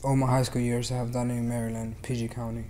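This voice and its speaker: Young man, late teens, flat mellow voice, earnest and determined, faint background hiss. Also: mid-range voice, fast. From Honduras. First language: Spanish. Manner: earnest, determined, many fillers. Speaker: student activist. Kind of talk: interview testimony.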